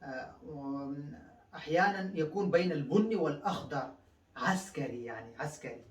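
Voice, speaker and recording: This casual spoken lesson comes from a language teacher from Afghanistan whose native tongue is Pashto. His voice is a little high and far from the mic, in an echoey room. He explains slowly, leaning on many drawn-out fillers and repetitions.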